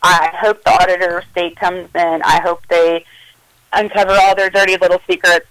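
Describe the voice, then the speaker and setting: A woman's voice: lowish voice, little pitch movement, moderate pace, fairly bright tone, no echo, poor audio. A woman telling an emotional, agitated first-person account of a confrontation, acting out the quoted dialogue. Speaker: caller recounting an incident.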